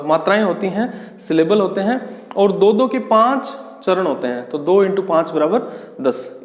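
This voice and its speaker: A man with a fairly high voice teaches literary terms in a slow, patient way, repeating words and asking his students questions he then answers. His voice rings through a roomy space with a long echo. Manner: slow, explanatory, repeats key terms and asks rhetorical questions. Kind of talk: exam-prep lecture in Hindi with English terms. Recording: echoey, reverberant room.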